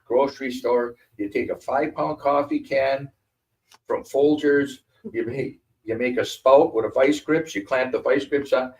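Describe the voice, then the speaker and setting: An older man from Wisconsin tells stories to an audience, slipping into the voices of the people he quotes. His voice sits at an ordinary pitch for a man. He sounds a little far from the microphone. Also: measured pace. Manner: animated storyteller acting out quoted voices. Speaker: guest speaker. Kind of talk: storytelling talk. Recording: voice from a distance.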